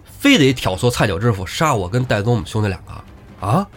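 A man's voice: on the low side, big pitch swings, brisk, breathy edge, heavily acted. A man voicing a furious male outlaw chief who curses and berates his captured enemy. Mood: enraged. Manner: shouting, cursing, outraged.

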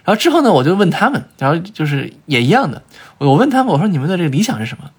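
A man as a podcast guest, telling travel stories in an animated way, with frequent filler sounds and restarts. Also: a little high, racing, breathy edge. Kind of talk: conversational storytelling in a podcast interview.

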